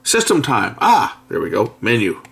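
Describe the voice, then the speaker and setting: A middle-aged product reviewer gives a casual hands-on demo indoors at a workbench. His medium-pitched voice is creaky and fairly bright, with huge pitch swings, as he unhurriedly thinks aloud, pressing buttons and talking himself through menus.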